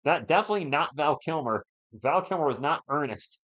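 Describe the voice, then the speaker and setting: On dull lo-fi stream audio, a man with a slightly high, fairly bright voice speaks a little fast with lively intonation. Despite a sore throat and a voice that's slipping away, he casually calls a basketball game live, chatting and replying to viewer messages between plays.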